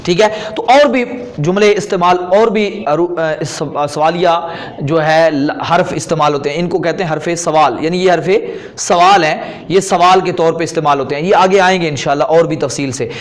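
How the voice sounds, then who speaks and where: A man with a fairly high voice teaches grammar in a lecture, speaking with an Urdu accent. He explains step by step and repeats key words slowly so students can follow. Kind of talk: classroom lecture.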